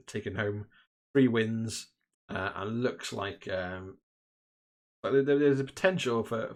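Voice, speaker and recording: A man with a lowish voice casually commentating a tabletop wargame stream. He rambles and restarts his sentences often, filling gaps with ums and likes. The talk stays relaxed and conversational. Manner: chatty, many fillers and restarts. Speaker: host and commentator. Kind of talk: casual live game commentary.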